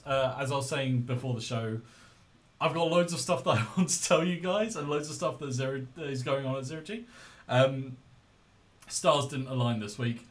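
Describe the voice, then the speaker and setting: A man hosting a podcast in casual, informal, rambling style, speaking into a laptop's built-in microphone. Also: medium pitch. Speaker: podcast host.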